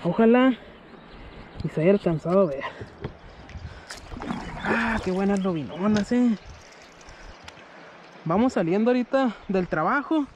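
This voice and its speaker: Excited Mexican man fishing outdoors. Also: sits high, a little slow, pauses often. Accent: Mexican Spanish. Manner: excited, laughing and shouting at catches. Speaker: fishing vlogger. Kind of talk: casual vlog commentary. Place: kayak on a river outdoors. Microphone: head-mounted action camera. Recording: outdoor recording with clear background noise.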